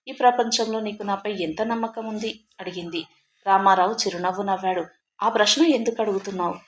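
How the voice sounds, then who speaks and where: A woman narrating a scripted emotional story in a calm, measured way. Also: mid-range voice, slight background noise.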